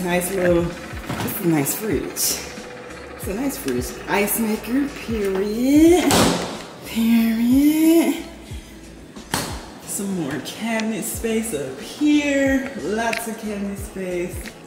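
A woman vlogger walks through her new apartment with a handheld camera pointed at herself, chatty and upbeat, sprinkling in "boom" and "period" constantly. The casual tour takes place in an empty indoor apartment whose echo mixes with background music.

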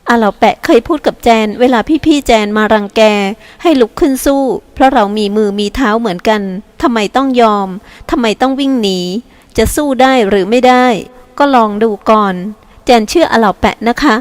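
A woman's voice: a little high, brisk, voice pushed up, natural voice. A woman reading as an earnest young woman. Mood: pleading. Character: young woman pleading softly at a bedside.

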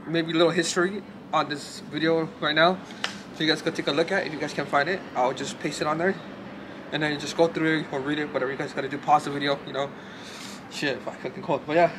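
A young man with a fairly high, steady voice talks fast and loosely to camera, swearing a lot and using plenty of fillers while he shakes from the cold. It's a casual vlog shot on a handheld camera by a friend, first outdoors on a city street and later in a hotel room. Noisy street and room ambience fill the recording.

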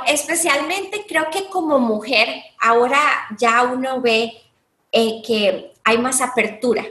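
A woman's voice: fairly high pitch, a bit bright. A woman, an entrepreneur answering interview questions on a video call in an earnest way, often restarting her sentences. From Costa Rica. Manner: earnest, many restarts and fillers. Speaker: guest entrepreneur. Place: room at home. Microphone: video call webcam. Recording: echoey room on a video call.

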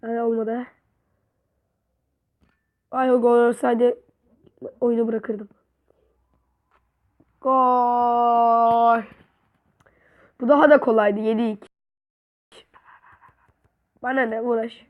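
Excitable young woman commenting on gameplay. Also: a little high, slow, long pauses, narrow, tinny audio. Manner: excitable, cheering and trash-talking at the game. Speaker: gaming YouTuber.

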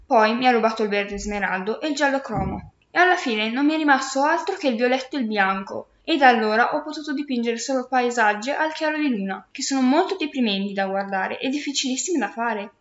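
Lady reading as a sweet but feisty young girl, bit high, roomy lo-fi sound. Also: fairly quick, few pauses, natural voice. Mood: scolding. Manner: earnest, scolding. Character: young girl, gentle but spirited and outspoken. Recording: roomy, dull lo-fi recording.

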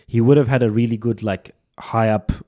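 A man's voice: mid-range voice, fairly even intonation, brisk, mellow, dry recording, studio quality. A man co-hosting a podcast, talking loosely and offhand, with many fillers. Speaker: podcast co-host. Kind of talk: casual discussion.

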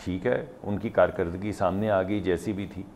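A man's voice: low voice, steady tone, normal speed, darkish tone. A man, a political panelist speaking from a remote studio, arguing insistently point by point. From Pakistan. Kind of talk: heated political debate. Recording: muffled remote link with faint noise.

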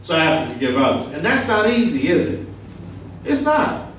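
A middle-aged pastor, very animated and a bit bright in tone, preaches at a moderate pace in a fairly high voice, with slight background noise. Holding a handheld mic in a small church sanctuary, he's emphatic and conversational and asks the congregation questions, all caught echoey by a distant camera.

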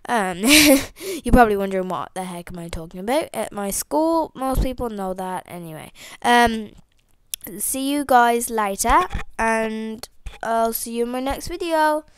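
A teenage girl who makes toy videos chats into a headset mic at home for a rambling, casual outro, full of fillers and restarts. She has a sniffly cold. Her mid-range voice sounds clean, with no room sound.

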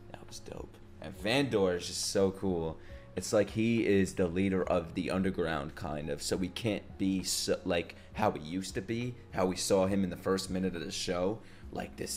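A young man hosting a reaction video in a casual, slangy, exclamatory way, with some swearing. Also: low voice. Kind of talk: casual, excited live reaction commentary.

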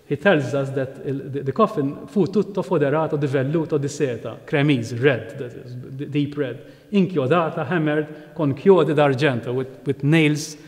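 A man, giving an animated lecture at a lectern, with frequent ums and restarts. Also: a little high, normal speed. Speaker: researcher and curator giving a talk. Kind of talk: lecture on art history. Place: ornate church interior at a lectern. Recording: long reverb of a large church hall.

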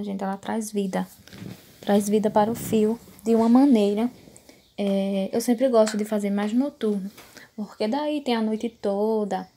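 With a mellow, medium-pitched voice and slight background noise, a Brazilian woman in her thirties casually walks viewers through her hair care. This beauty vlogger films in a small bedroom at home, chatty and fond of "né" and "gente," frequently asking if they agree.

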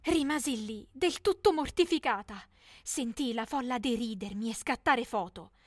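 A woman's voice: on the high side, no echo, studio quality. A young woman telling a dramatic first-person teen story in scripted narration.

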